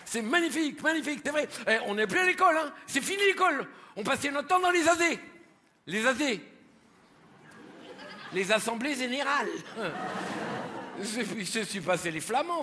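High, bright-voiced older French comedian. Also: male voice, big-room sound, a little hiss or hum. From France. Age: 60s. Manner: animated, teasing the audience, stammering repeats. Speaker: stand-up comedian. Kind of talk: stand-up comedy routine. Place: theatre stage before a live audience.

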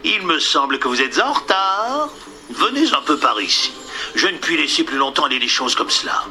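Guy doing a squeaky worked-up old miser, high strained shouts, storybook style, music under it. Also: very animated, moderate pace, heavily acted. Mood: mischievous. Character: elderly male miser turned joyful, excitable.

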